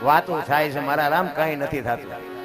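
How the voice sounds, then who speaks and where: A middle-aged man with a Kathiawadi Gujarati accent gives a folksy devotional talk, going from loud exclamations to low, quiet asides. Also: moderate pace. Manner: folksy, addresses listeners as bapu. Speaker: devotional storyteller. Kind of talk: devotional folk discourse. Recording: live recording with instrumental music behind. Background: instrumental music.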